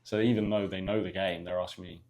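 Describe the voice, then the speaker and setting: A young man from just outside London, with a London-area English accent, chatting in a relaxed, hesitant way as a podcast guest. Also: deep voice, quick pace. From England, near London. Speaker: soccer player, podcast guest. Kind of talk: casual interview chat.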